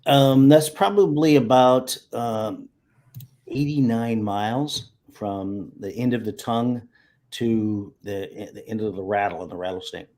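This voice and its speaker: A man speaks in a fairly low voice over a video call. He tells his stories in a loose, rambling way, often repeating himself and correcting his words mid-sentence. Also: a little slow, a little mellow. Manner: rambling, self-correcting storyteller. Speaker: guest geocacher. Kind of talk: casual video-call chat.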